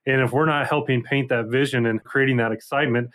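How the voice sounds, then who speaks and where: Male panelist, middle pitch, casual professional conversation. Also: steady tone, quick pace, a bit bright. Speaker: panel guest.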